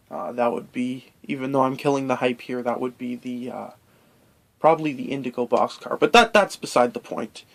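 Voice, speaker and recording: A man with a nasal, stuffed-up voice from a cold. He talks through an unboxing in a loose, rambling way, filling gaps with hesitations and stopping to correct himself. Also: medium pitch. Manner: rambling, full of fillers and self-corrections. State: has a cold. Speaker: toy collector unboxing. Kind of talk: casual unboxing review.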